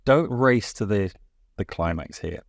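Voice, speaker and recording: A man explaining a mentalism card routine in a relaxed, wry way, with asides. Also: lowish voice, measured pace, creaky, dry recording, studio quality. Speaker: magic instructor. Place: London studio.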